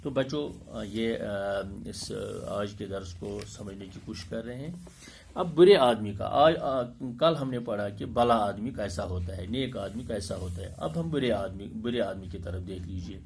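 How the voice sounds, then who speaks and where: A male school teacher giving an Urdu lesson, reading aloud and then explaining new words slowly, stressing correct pronunciation with frequent hesitations. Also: lowish voice, expressive, vocal fry, darkish tone, a little hiss or hum. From Kashmir. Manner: slow, deliberate, stresses pronunciation, many filler sounds.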